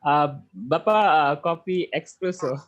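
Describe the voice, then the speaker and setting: Male language learner, Bangladeshi accent, foreigner's hesitant Indonesian with English mixed in, higher-pitched, very slow. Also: muffled recording. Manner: hesitant, searching for words. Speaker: student of Indonesian.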